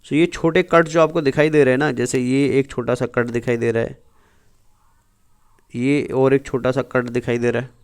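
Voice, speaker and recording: In a smooth, clear, mid-range voice with a steady tone, a biology teacher delivers an exam-prep lecture over slides at a moderate pace. He guides his students through the material, repeatedly asking questions and answering them himself, calls them "beta," and mixes English terms and full sentences into his speech.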